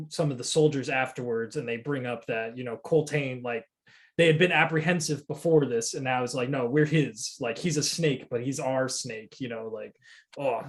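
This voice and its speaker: Measured man recounting a scene. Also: medium pitch. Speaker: panel guest. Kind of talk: casual panel discussion.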